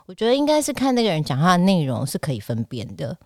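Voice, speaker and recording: A woman hosts a casual chat in a somewhat low voice, curious and playful as she asks questions. The sound is dry and close, with little room around it. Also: big pitch swings, fast, a little mellow, no echo. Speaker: host.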